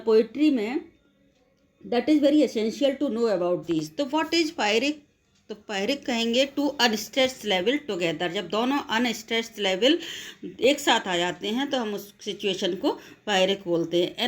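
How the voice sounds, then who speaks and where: A woman teacher giving a lecture in a slow, measured way, with a somewhat high voice. She dictates definitions word by word, asks her class a question and then answers it herself. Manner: slow, deliberate dictation of English definitions, quicker explanations in between; calls students "beta" affectionately. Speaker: English literature teacher. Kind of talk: classroom lecture mixing Hindi and English.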